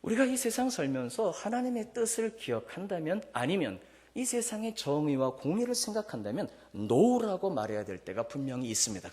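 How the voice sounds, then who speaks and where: A man's voice: a little mellow, long reverb tail. A male pastor preaching a Sunday sermon, questioning the congregation and acting out family quarrels. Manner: mimics quarrelsome family voices in high shrill bursts. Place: church sanctuary.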